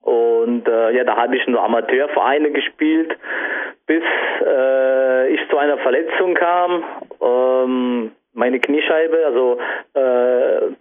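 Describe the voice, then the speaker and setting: A man in his twenties from Sicily with an Italian accent, speaking German as a guest in a radio interview, halting with many fillers. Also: medium pitch, fairly even intonation. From Sicily, Italy. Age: 20s. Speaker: guest bodybuilder. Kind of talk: casual interview answers. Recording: tinny phone-like radio sound.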